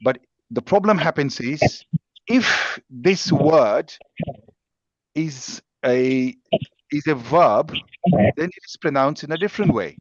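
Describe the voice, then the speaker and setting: A man's voice: a little high, animated, dry recording. Guy teaching english on a video call, patient, lots of examples, bit muffled. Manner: patient, explains slowly with examples. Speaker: English pronunciation trainer. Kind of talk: online class teaching.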